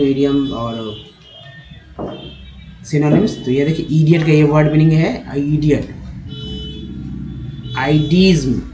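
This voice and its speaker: A man's voice: a little high, mellow, muffled recording. Man teaching in an echoey room. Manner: spells out letters and sounds words out slowly. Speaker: English reading teacher. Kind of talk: teaching lesson, reading words off slides.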